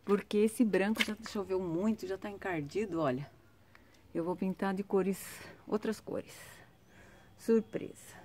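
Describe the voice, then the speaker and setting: A woman's voice: fairly low pitch, a little mellow. A woman giving a chatty, casual vlog tour of her sunny home garden, pointing things out to viewers, recorded outdoors on a handheld phone.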